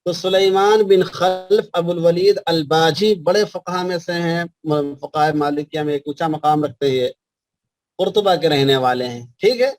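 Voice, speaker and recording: High-voiced male teacher dictating notes. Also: no room sound. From India. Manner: repeats references slowly for dictation, checks understanding often. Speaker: teacher of Islamic law. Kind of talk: classroom lecture dictating notes.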